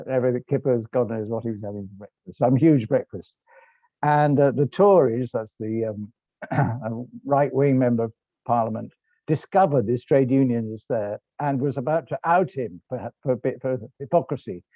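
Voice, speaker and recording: A middle-aged man with a British accent gives an online slide lecture in a conversational way, often breaking off to correct himself. His pitch sits in an ordinary middle range. The sound is dry and dull, like a computer microphone. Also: dark tone, no echo. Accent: British English. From England. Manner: rambling, self-correcting, conversational. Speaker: lecturer and tour guide.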